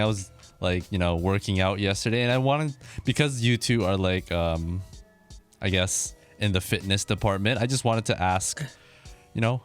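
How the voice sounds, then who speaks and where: A young man hosting a casual podcast, mellow and easygoing, with lots of "you know" fillers. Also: low voice. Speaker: podcast host. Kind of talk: casual chat.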